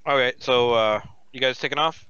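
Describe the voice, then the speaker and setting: A man running a tabletop game as game master, describing scenes in an unhurried way with many fillers. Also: medium pitch, sharp tone, clear, resonant tone, dry recording, lo-fi sound.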